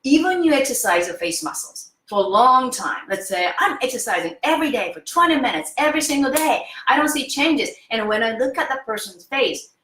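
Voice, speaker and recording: A woman's voice: fairly high pitch, animated, fairly quick, few pauses, a bit bright, roomy sound. A woman in her fifties giving an interactive face yoga lesson, enthusiastic and often checking in with the viewer. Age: 50s. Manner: enthusiastic, keeps checking in with "okay?".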